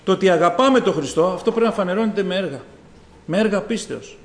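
Male preacher, high-pitched, exhorting sermon, roomy church sound. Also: expressive. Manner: earnest, exhorting, acts out quotes with rising fervor.

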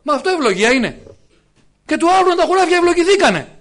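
High-voiced, animated preacher in his 50s. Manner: emphatic, full of rhetorical questions to the brethren. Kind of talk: sermon.

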